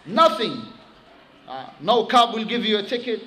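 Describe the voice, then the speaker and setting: A man preaching a sermon to his congregation, telling a story with animated emphasis and quickly reciting Arabic phrases. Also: sits high, poor audio.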